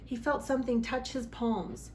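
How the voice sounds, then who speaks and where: A high-voiced woman hosting a children's library read-aloud performs an animated storybook at a moderate pace. She is expressive, giving dramatic emphasis to sound words, with slight noise in the recording.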